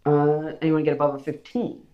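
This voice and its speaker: A man's voice: fairly high pitch, little pitch movement, fairly quick, narrow, tinny audio. A man running a tabletop game as game master, playful and teasing, often stopping and restarting his sentences.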